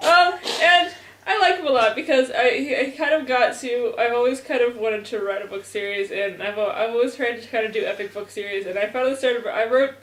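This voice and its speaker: A woman's voice: fairly high pitch, a little fast. A woman chatting casually on a podcast, rambling and chuckling as she talks. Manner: rambling, chuckles through her talk. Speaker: podcast co-host. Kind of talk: casual chat. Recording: roomy with faint noise.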